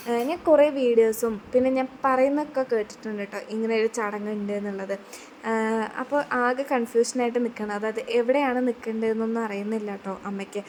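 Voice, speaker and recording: A woman's voice: on the high side, steady tone, fast talker, a little mellow, slight background noise. A young woman narrating a family video as a vlogger, chatty and a little shy, with many hesitant fillers. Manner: admits to being shy on camera.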